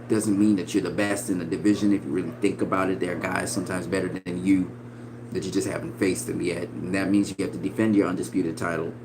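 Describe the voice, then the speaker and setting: Profane, animated man in his forties. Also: low voice, noisy background. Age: 40s. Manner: animated, profane, emphatic, swings loud and soft. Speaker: boxing commentator. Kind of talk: casual opinion vlog.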